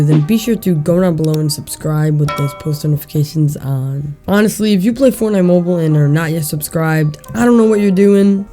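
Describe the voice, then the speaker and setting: A slightly sick young adult gaming YouTuber with hissy, drawn-out s sounds, narrating news updates and casually addressing the viewers. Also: mid-range voice, mellow. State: a little sick. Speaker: video game news YouTuber. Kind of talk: upbeat scripted gaming news narration to camera-less audience. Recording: voice-over with background music. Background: music.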